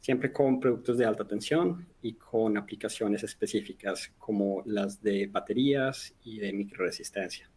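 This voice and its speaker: A man's voice: on the low side, normal speed, few pauses, darkish tone, breathy edge. A man from Colombia, giving a technical webinar lecture in an explanatory way, lifting his voice on questions. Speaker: technical presenter.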